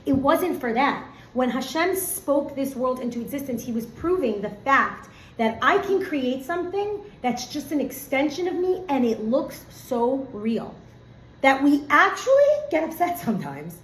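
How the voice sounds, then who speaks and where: A middle-aged woman teaching a casual Torah lesson, animated and full of "like", acting out everyday scenes. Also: sits high, normal speed. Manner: animated, acts out everyday scenes, many fillers of "like". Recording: echoey room, faint background hum.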